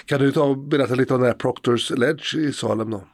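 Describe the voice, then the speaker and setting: Recorded at studio quality with no echo, a medium-pitched Swedish man hosts a laid-back podcast chat about places, hesitating often and full of fillers and restarts.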